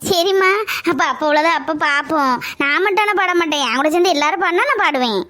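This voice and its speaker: A woman plays a kind neighbor in a homemade family skit. Her voice is high, and she talks in a coaxing, reassuring way. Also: expressive, a little fast, exaggerated voice. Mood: cheerful. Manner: warm, coaxing, motherly reassurance. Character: kind caring older-sister neighbor woman.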